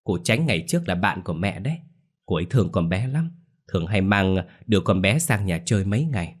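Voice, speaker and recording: A meek middle-aged woman, voiced by a male storyteller, stammers softly and pleads with her mother-in-law. The voice is only lightly raised above his own very low tone, so it stays gentle and plain. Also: big pitch swings, a little fast. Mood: pleading.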